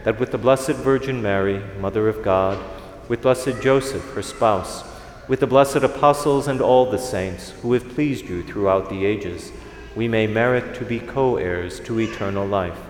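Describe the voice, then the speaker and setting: A male priest recites liturgical prayer solemnly and formally. His voice rings through a large church with cathedral echo and long reverb. There is faint noise behind him. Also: lowish voice. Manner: measured, formal phrasing.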